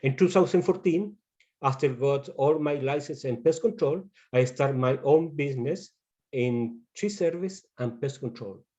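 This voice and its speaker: Presenting a webinar on pest control, this man from Chile talks in hesitant, non-native English with a Chilean Spanish accent. His voice has a medium pitch and a warm tone.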